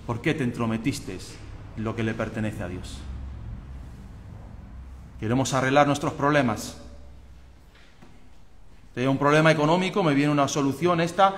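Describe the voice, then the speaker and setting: A man with a Spanish accent from Spain, a pastor preaching a sermon, who swings between fervent exhortation and calm teaching. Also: mid-range voice, normal speed, pauses often, slight background noise. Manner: acts out voices of people in his stories. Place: church sanctuary. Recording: echoey church hall.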